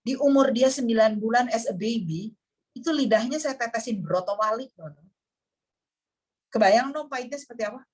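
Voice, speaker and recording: A woman's voice: a little high, brisk, darkish tone, husky. A woman who works in neuroscience, giving a talk to a group of parents and telling dramatic stories while addressing her listeners directly. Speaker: neuroscience practitioner speaking to parents.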